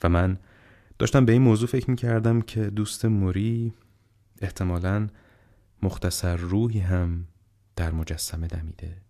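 A man narrating an audiobook in a measured, calm and unhurried way. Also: low-pitched.

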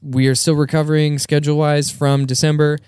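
A man hosting a casual podcast, joking and relaxed, with lots of filler words. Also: fairly high pitch, fairly quick, smooth. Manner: joking, laid-back, uses filler words. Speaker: podcast host. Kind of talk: casual chat.

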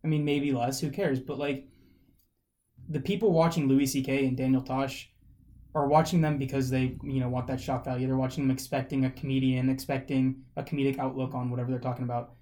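A man's voice: mid-range voice, fairly even intonation, brisk, warm tone. A man co-hosting a podcast, talking casually and rambling with many fillers and restarts. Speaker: podcast co-host. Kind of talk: casual chat.

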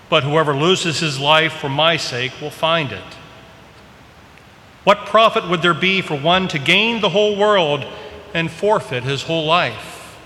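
Bright-voiced priest in long cathedral echo. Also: male voice, a little high. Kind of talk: Gospel reading and homily at Mass. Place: large reverberant church.

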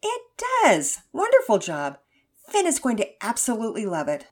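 A woman voicing a brisk, cheerful mother in a read-aloud children's story, with a bright, bossy, playful delivery. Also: mid-range voice, huge pitch swings, husky, voice pushed up. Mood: warm. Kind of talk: storybook character voice.

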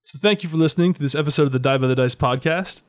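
Calm man running a tabletop game. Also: on the high side, very fast. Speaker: game master.

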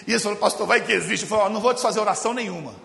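A high-voiced Brazilian pastor delivers a lively, joking sermon to his congregation, switching between loud bursts and hushed moments. His voice carries through an echoey church hall with a long reverb tail and a faint hum of room noise behind him. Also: very fast, vocal fry. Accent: Brazilian Portuguese. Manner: storytelling, jokes with the congregation, shifts from loud to hushed. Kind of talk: humorous sermon.

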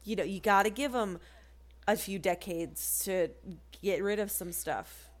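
A woman speaks with an ordinary, mid-range voice in a loose, relaxed chat. She laughs easily and talks freely. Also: medium pitch, a little slow. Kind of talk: casual chat.

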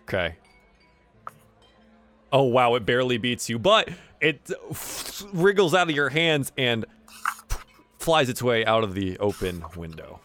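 A man hosting and narrating a live tabletop game as game master, in an informal, halting, improvised delivery. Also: medium pitch, big pitch swings, fairly bright tone, soft background music. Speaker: game master and show host. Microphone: online voice call.

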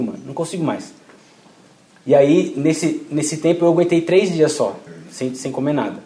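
A man's voice: a little high, a little mellow. A young man giving an informal sermon, talking casually with slang and acting out quoted prayers. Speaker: preacher. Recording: echoey room, faint ambient noise.

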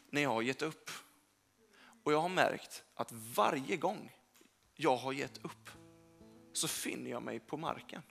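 Gravelly-voiced young man preaching casually. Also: fairly high pitch. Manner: casual, rambling, self-correcting, warm direct address to congregation. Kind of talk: informal sermon. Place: church service hall.

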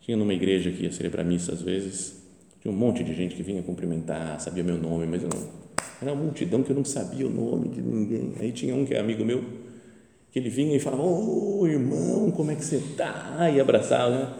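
A man's voice: deep voice, quick pace, creaky. A man, a priest, giving a conversational homily, telling stories and acting out quotes. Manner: conversational, animated storytelling with acted quotes. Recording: echoey church with long reverb.

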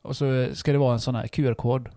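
A man's voice: mid-range voice, dry recording, clean studio sound. A young man, co-hosting a podcast in casual chat, telling stories animatedly, acting out what people said and laughing often. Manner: animated storytelling, acts out quotes, laughs often. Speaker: podcast co-host.

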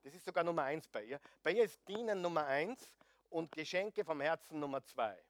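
A middle-aged man preaching a sermon, joking with the congregation and swinging between loud emphasis and hushed asides. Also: on the high side, animated, brisk, no room sound, studio quality. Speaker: pastor.

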